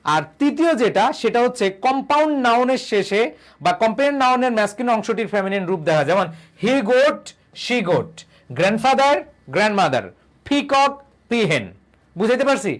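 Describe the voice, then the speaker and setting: A young man with a rather high voice runs a live-streamed grammar lesson. He keeps asking the class a question and answering it himself, and he reads out viewers' comments between points. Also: expressive, moderate pace. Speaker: online English tutor.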